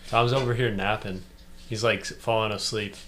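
A man's voice: fairly low pitch, fairly even intonation, moderate pace, fairly bright tone, slight background noise. A young man co-hosting a casual podcast, laid-back and ribbing his friends. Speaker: podcast co-host. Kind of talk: casual chat.

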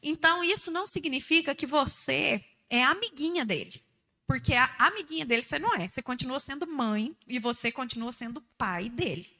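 Bright, high-pitched woman teaching directly. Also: animated, fairly quick. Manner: direct, emphatic, blunt asides. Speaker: church speaker on parenting. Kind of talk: conversational teaching talk.

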